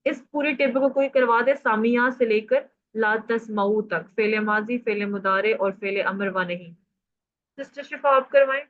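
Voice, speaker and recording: A woman teacher leads students through verb tables and calls on them to recite. She prompts answers and praises correct replies, speaking with a fairly high voice. The audio is muffled and lo-fi. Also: normal speed. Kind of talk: classroom lesson on Arabic grammar.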